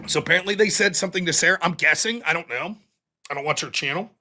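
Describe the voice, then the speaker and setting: Talking fast in a sharp, slightly high voice, a man streams an angry, profanity-filled rant about a panel debate. He comes across as indignant and defensive throughout the monologue.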